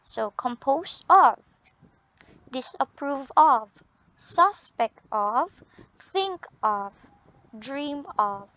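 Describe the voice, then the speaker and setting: A woman teacher with a Filipino accent giving an English lesson, drawn out and deliberate, often ending points with a questioning "no?". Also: high-pitched, animated, sharp tone, no room sound. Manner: ends points with tag "no?". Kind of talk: classroom lesson. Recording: dull lo-fi audio.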